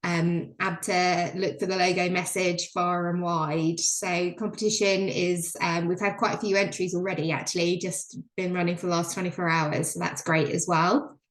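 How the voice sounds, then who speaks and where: A woman's voice: on the low side, level tone, normal speed, hardly any pauses. Woman on an echoey video call. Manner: chatty, filler-heavy, enthusiastic. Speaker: presenter on a member call. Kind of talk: casual business update.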